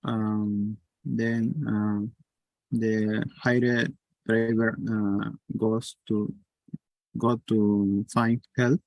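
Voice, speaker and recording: A man's voice: fairly low pitch, level tone, drawn-out words, creaky, no echo, lo-fi sound. A man whose first language is Spanish, answering in an English class, hesitant and searching for words. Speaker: student.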